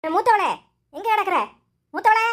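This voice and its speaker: A woman voicing a nagging, sharp-tongued old mother-in-law in a cartoon, speaking Tirunelveli Tamil with quick, sarcastic scolding. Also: extremely high pitch, lively intonation.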